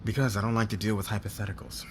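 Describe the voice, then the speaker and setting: A man voices a debt-laden noble boss, guarded and demanding, in a close ASMR roleplay, his halting delivery broken by sighs. He sounds weary and confiding, with a fairly low, steady, natural voice. Background noise is audible.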